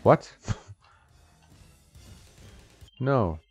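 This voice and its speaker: With lively intonation but a very slow pace, this man's mid-range voice sounds a little mellow and slightly rough. As a gaming channel host, he plays an old fighting game at home, chatting and laughing at the screen. The recording is dry and slightly dull, with game music underneath.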